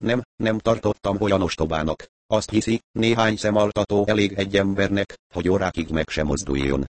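A man playing a calm, shrewd middle-aged detective who reasons patiently with a mildly mocking edge. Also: deep voice, no room sound, lightly acted. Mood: calm reasoning.

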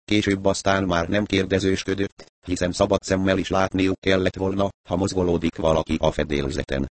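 A man reading a story aloud as an audiobook narrator, in a steady, even storytelling delivery. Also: deep voice, no echo. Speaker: audiobook reader. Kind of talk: scripted narration.

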